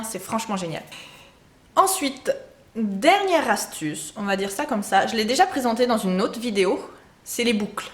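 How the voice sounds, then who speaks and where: A woman's voice: on the high side, echoey room. A woman giving casual beauty tips to her camera, chatty, with many fillers and frequent laughs. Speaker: beauty vlogger.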